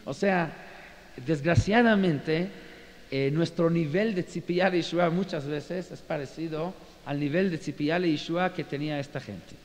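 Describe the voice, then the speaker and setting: A man teaching as a rabbi, telling stories in an animated way, pausing to search for words, with faint hiss and a roomy echo on the recording. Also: a little high. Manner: animated, with frequent fillers and restarts. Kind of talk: storytelling lecture. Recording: reverberant room with faint hiss.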